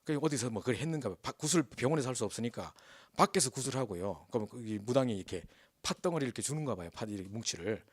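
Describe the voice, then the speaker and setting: A male pastor preaching a sermon. He tells stories in an animated way and keeps asking the congregation to agree with him. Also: medium pitch, rapid-fire, slightly rough, dry recording. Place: church.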